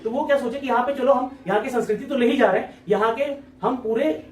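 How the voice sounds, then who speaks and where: A male exam-prep teacher talks at a rapid clip, repeating points and checking in with his listeners. His voice sits high, and he sounds a little far from the mic in an echoey room.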